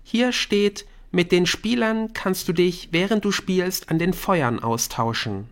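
A man's voice: high-pitched, slow, voice pushed up. Bryn, a man putting on a clingy teenage girl. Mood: conspiratorial.

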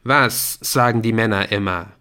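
A measured schoolteacher in an audiobook, speaking with a fairly low, steady voice, as a man puts him on. He sounds firm and controlled. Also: clean tone. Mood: calm authority. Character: calm adult male schoolteacher. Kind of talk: audiobook character voice.

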